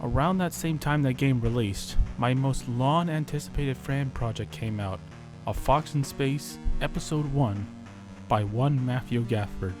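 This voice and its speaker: Reading his own horror story in the first person, a narrator takes a dramatic, theatrical storytelling approach. His medium-pitched voice moves a little slowly over background music, and the audio is poor.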